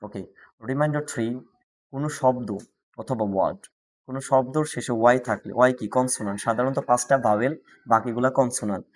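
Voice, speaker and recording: A man's voice: mid-range voice, a little fast, no room sound. A man with a Bangladeshi Bengali accent teaching an English grammar class, repeating points and asking students check questions.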